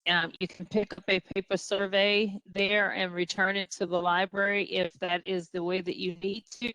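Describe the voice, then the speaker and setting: A woman's voice: medium pitch, level tone, normal speed, sharp tone, smooth. A woman speaking over an online group call whose audio keeps cutting out, making earnest town hall announcements. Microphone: computer mic on a video call.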